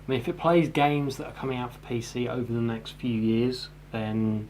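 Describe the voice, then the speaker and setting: A man co-hosting a casual gaming podcast, relaxed and giving brief replies. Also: medium pitch, normal speed, a little hiss or hum, rough recording. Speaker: podcast co-host.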